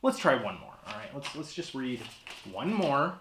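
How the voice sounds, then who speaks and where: A man's voice: mid-range voice, very animated, moderate pace, noisy background. A man presenting as a casual horror host, with a hesitant, rambling, awkwardly comic delivery. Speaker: horror host of a holiday movie show. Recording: roomy, echoey sound.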